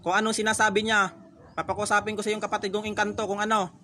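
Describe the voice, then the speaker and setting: A man's voice: high-pitched, little pitch movement, very fast, a little hiss or hum. A man, a folk healer, confronting a spirit in a ritual, pressing it with short, repeated demanding questions. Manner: forceful, repetitive questioning.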